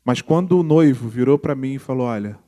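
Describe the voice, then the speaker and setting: A middle-aged man with a Brazilian Portuguese accent, preaching a sermon to a congregation. He is animated, and his voice jumps up in pitch when he stresses a point or asks the audience a question. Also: a little fast. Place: large church hall. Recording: long hall reverb.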